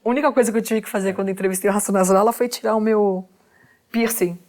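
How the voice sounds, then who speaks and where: A woman, a journalist guest telling a story in an animated, expressive way. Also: medium pitch, fast. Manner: expressive, acts out quoted voices, laughs often.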